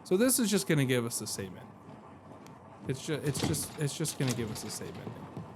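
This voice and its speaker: In a sing-song, mid-range voice and at a fairly quick clip, a streamer chats casually through a let's-play, thinking aloud, meandering, and joking about himself. Game music and some background noise fill the backdrop.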